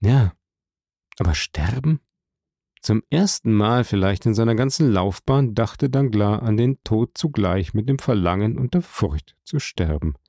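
A man narrating an audiobook in a measured, dramatic reading style. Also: on the low side, lively intonation, dark tone, dry recording, studio quality. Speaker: audiobook reader.

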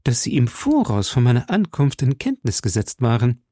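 A cornered noblewoman, put on by a male reader, her voice pitched up and pushed to a strained, pleading edge. The delivery has a gravelly grain and sounds close and dry. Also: wildly swooping pitch, normal speed, mellow, no echo. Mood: wary. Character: scheming noblewoman, tense and cornered.

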